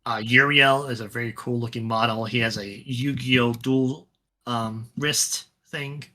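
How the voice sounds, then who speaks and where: A man with a strikingly bright, forward voice, talking casually as a podcast co-host. His pitch sits in the middle for a man. He rambles in a relaxed way, with lots of fillers and restarts. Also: a little slow. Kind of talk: casual chat about a tabletop wargame.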